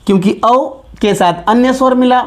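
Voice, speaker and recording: A man teaching a grammar lesson, patiently repeating sounds and asking his students questions as he goes. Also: very high-pitched. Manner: slow and patient, repeats key sounds and asks rhetorical questions. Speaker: Hindi teacher.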